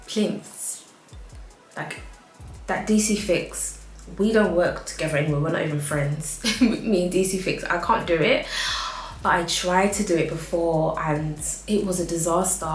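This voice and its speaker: Brief: African-accented woman, low-pitched, candid home decor vlogger, echoey room, faint music. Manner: chatty, frank, laughs often, says "like" a lot. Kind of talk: casual advice vlog.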